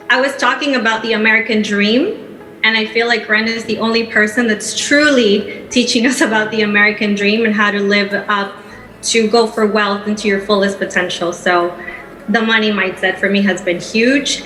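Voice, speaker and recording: Upbeat woman, bright voice. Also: mid-range voice, steady tone, normal speed, faint music behind. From Peru. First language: Spanish. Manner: upbeat, laughs easily. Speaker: guest entrepreneur. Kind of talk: onstage interview. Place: event stage. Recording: echoey event space.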